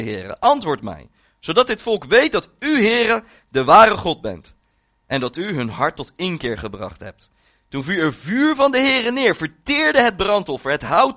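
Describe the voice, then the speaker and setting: A man's voice: high-pitched, pushed and bright. A male preacher reading a long scripture passage aloud as part of his sermon, solemn and with rising emphasis.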